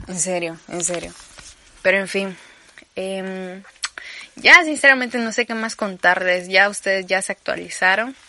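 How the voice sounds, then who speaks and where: Young woman, Mexican Spanish accent, casual podcast chat, rambling and playful, bright tone. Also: medium pitch, dry recording. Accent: Mexican Spanish, Campeche. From Campeche, Mexico. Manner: chatty, rambling, laughs easily, playful asides. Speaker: podcast host.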